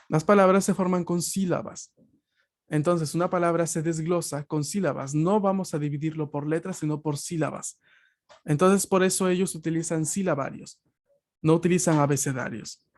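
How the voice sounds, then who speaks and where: A man's voice: fairly high pitch, a little mellow. Patient man teaching an online class. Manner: patient, explanatory, often checks with "¿Ok?". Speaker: language teacher. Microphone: video call.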